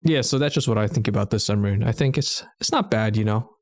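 A man's voice: fairly low pitch, fast talker, dry recording, studio quality. A man hosting a podcast, chatting casually and leading the discussion in a laid-back way. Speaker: podcast host.

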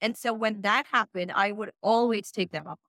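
A Pakistani freelance writer, not a native English speaker, is a guest in a casual interview, giving frank, energetic, emphatic advice at a moderate pace. Her pitch falls mid-range for a woman, and the recording is dry and close with little room echo.

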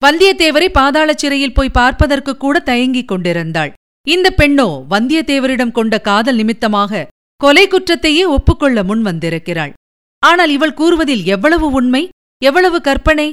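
A woman narrating a historical novel as an audiobook, in a slow, measured storytelling manner. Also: sits high, lively intonation, a bit bright.

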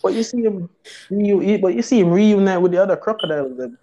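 A man's voice: high voice, expressive, brisk, warm tone, muffled recording. A man with a Jamaican accent telling a story in casual, profane patois, acting out the quotes as he goes.

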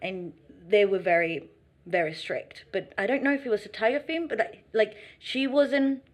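A woman's voice: mid-range voice, moderate pace. A woman co-hosting a podcast, chatting casually and laughing often. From Venezuela. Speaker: podcast co-host. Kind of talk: casual chat.

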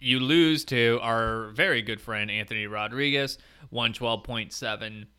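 A man's voice: mid-range voice, measured pace, pushed and bright, clear, resonant tone. A man hosting a casual sports chat about a fantasy league, talking informally. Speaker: host and league commissioner.

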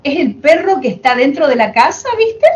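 A woman's voice: sits high, normal speed, highs cut off. A woman hosting a casual podcast chat, telling stories with affectionate asides. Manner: chatty, affectionate, animated storytelling with asides. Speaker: podcast host.

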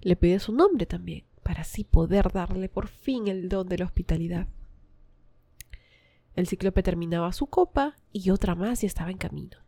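A woman's voice: lowish voice, expressive, normal speed, mellow, no room sound. A woman retelling a myth in a casual, chatty way, with asides to her listeners. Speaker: storyteller.

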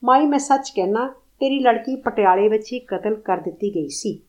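A woman's voice: a little high, moderate pace, a little mellow, natural voice. A woman reading the lines of a man who earnestly pleads and tries to persuade. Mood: pleading. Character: male traveler, pleading, trying to persuade.

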